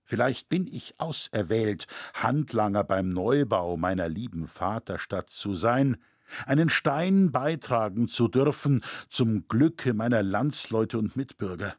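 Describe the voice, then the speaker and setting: A man voicing a proud, steadfast medieval master builder who speaks in firm, measured declamation. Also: mid-range voice, a little mellow, no room sound, clean studio sound.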